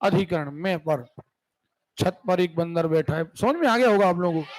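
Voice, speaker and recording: High-voiced Hindi grammar teacher quizzing students. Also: male voice, lively intonation, moderate pace, low-quality recording. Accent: Madhya Pradesh Hindi. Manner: asks students frequent check questions; casual, joking teacher's banter. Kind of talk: exam-prep grammar lesson.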